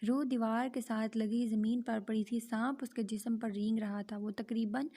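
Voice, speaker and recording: A woman reading a romance novel aloud in a steady, monotone way. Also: fairly high pitch. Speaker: novel reader.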